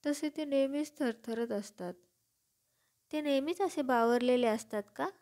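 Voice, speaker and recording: A woman voicing a huge, kindly male gamekeeper who talks loudly and plainly. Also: high voice, measured pace. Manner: loud, homely and plain-spoken.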